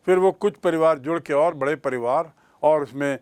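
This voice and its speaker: A man teaching a history lesson, explaining slowly and repeating key terms for his students. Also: on the high side, a little mellow, no echo. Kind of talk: classroom history lecture.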